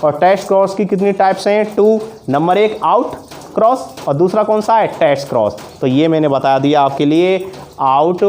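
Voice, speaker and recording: High-voiced man teaching, repeats every answer. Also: a little mellow. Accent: Hindi-speaking north Indian. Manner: asks a question, then answers it himself with repetition. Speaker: science teacher. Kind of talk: classroom lesson with call-and-response questions.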